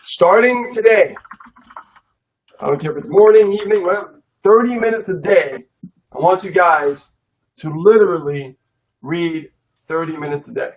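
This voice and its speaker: A man's voice: high voice, moderate pace, long pauses, distant mic, low-quality recording. A man co-hosting a live online business webinar, coaching listeners in a casual, emphatic motivational way and repeating his key points.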